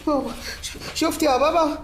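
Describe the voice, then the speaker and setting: An actor playing an excitable, childish grown son, speaking with an Egyptian accent. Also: male voice, extremely high pitch, brisk, slight background noise. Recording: echoey room.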